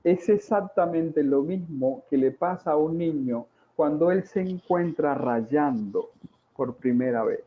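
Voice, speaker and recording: A man in his forties giving a talk on child development, dramatic and full of rhetorical questions and drawn-out repetitions. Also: fairly high pitch, slight background noise. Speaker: parenting educator. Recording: tinny, phone-like sound.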